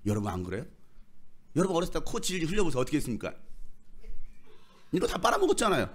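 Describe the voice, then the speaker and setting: A male pastor delivers a Sunday sermon at a rapid clip, his voice sitting a little high for a man. He preaches in a colloquial, animated way, throwing rhetorical questions at the congregation and slipping into playful mimicry of other voices. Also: husky. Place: church sanctuary.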